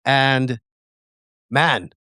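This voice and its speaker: Podcast host: man, clear smooth voice, dry close sound, casual and rambling. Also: mid-range voice, very slow, bright, forceful tone, no room sound. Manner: loose, rambling questions. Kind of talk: casual interview hosting. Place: remote, virtual studio.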